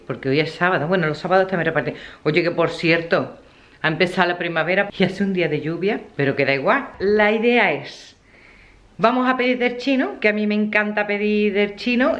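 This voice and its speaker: A woman's voice: medium pitch, highs cut off. A woman, chatting casually in her vlog, laughing often and acting out what others said. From Spain. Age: 50s. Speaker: vlogger.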